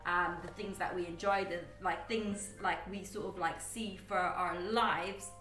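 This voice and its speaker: A woman's voice: fairly low pitch, steady tone, a little slow, a bit bright, reverberant, recorded from a distance, rough recording. A young woman from Guyana and the UK chatting casually as a podcast host, rambling with lots of fillers and restarts. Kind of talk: casual chat.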